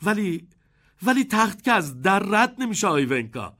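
Storybook little boy, high excited voice, a male reader putting it on. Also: exaggerated voice. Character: poor young boy, eager and wide-eyed.

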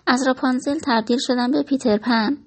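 A woman narrating a first-person story in a reflective, expressive reading. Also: sits high.

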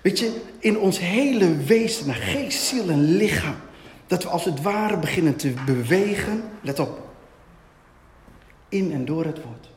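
A man preaching a sermon, asking and answering his own questions in a lively way. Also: sits high, a little slow. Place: church hall. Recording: echoey hall, long reverb.

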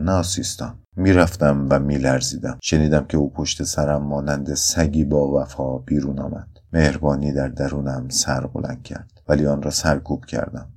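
A man reading a story aloud in a somber, measured first-person narration. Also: rumbling low, dark tone, breathy edge. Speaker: audiobook narrator.

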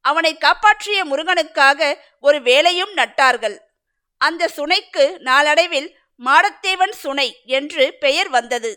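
A woman reading a story aloud in a measured, dramatic narrating manner. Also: high voice, animated, sharp tone.

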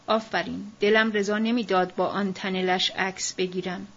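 A woman reading the lines of a commanding older woman in an audiobook, speaking emphatically and a little louder than the narration. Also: medium pitch, steady tone, slight background noise, lightly acted. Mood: insistent. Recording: dull lo-fi recording.

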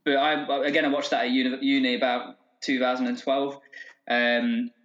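A man's voice: mid-range voice, flat delivery, normal speed, a bit bright. A man chatting casually with friends, rambling and teasing. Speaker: podcast co-host. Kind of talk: casual chat. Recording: echoey room, dull lo-fi audio.

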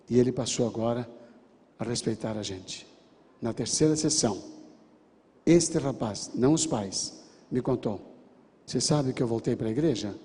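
A man's voice: mid-range voice, dark tone. A man giving a sermon-style talk, telling a counseling story and acting out the dialogue with emphatic repeated commands. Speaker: church counselor and speaker. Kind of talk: sermon-style lecture with stories. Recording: long hall reverb.

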